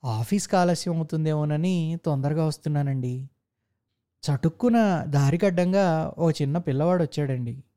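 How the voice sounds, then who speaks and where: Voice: medium pitch, moderate pace, pauses often, warm tone, natural voice. A narrator playing a humble, crafty male office clerk who explains himself politely to his boss. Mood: deferential. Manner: deferential, polite.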